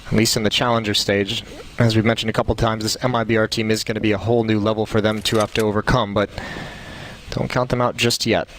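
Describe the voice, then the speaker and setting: A man's voice: on the low side, little pitch movement, quick pace, fairly bright tone, rough recording. A man giving analytical, conversational esports caster commentary on a live match. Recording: faint game noise and clicks behind.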